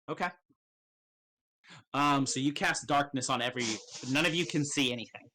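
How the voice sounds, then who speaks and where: A man acting as game master, improvising narration in a casual, halting way and swearing freely. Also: medium pitch, bright, forceful tone, slight background noise.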